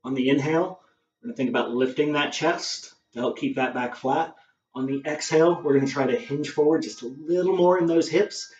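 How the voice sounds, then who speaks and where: Yoga teacher, male, somewhat high voice, calm encouraging cues, far from the mic in a roomy space. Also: brisk. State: out of breath. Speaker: yoga instructor. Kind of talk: guided yoga class instruction. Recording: roomy, distant, dull camera audio with faint music.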